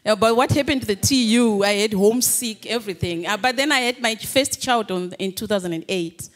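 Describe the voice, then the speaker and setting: A woman's voice: mid-range voice, a little fast. A woman in her forties from Zimbabwe, telling a rambling personal story at a public panel, laughing often. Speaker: audience member. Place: large hall with an audience. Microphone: handheld microphone.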